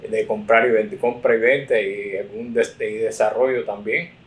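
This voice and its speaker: A man's voice: lowish voice, steady tone, normal speed. A man in his sixties, a political consultant telling his career story in an interview, full of fillers and self-corrections. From United States. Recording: roomy echo.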